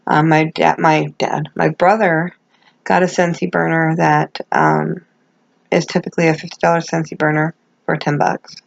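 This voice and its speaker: A woman's voice: deep voice, level tone, moderate pace, vocal fry, muffled recording. A middle-aged woman chatting casually as a vlogger, rambling and self-deprecating, with gummy, toothless articulation and no dentures in. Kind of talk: casual chat to camera.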